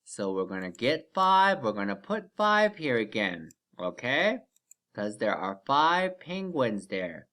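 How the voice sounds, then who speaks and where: Like a kids' show host, a teacher leads a children's math lesson, counting aloud step by step, asking simple questions and encouraging her listeners. The voice is mid-range and fairly bright, with big pitch swings. The delivery is slow and careful, checking in again and again with "okay?"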